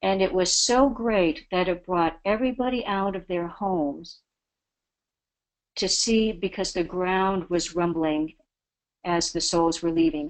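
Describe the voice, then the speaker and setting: A woman's voice: on the low side, poor audio. A woman giving a spiritual talk as a webinar guest, earnest and devotional. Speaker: guest speaker.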